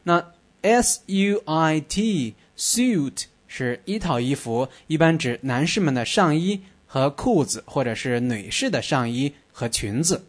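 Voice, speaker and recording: A man teaching an English lesson on the radio, drilling words clearly and patiently. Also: fairly high pitch, animated, slow pace.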